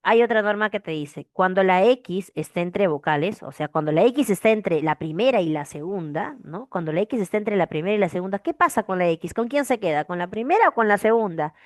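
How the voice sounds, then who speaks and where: A woman's voice: mid-range voice, animated, brisk, hardly any pauses, no echo, studio quality. A woman teacher, explaining a grammar lesson and repeating key phrases as she checks understanding. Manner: repeats key phrases, asks frequent "¿de acuerdo?". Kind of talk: classroom language lesson.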